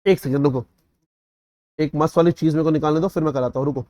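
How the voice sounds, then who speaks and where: A young man teaches at a rapid clip, his voice a little higher than most. The sound is dry and close. He keeps checking that his students have understood. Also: steady tone, dark tone, dry recording. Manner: repeatedly checks understanding, mixes English terms into Hindi. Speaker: CA exam tutor. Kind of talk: revision lecture.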